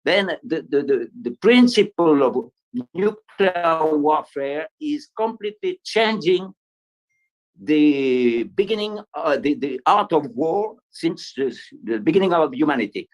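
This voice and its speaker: A man with a French accent, French his first language, speaking at a conference over a video link in a halting way with many fillers and restarts. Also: fairly high pitch, lively intonation, rough recording. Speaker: panel speaker.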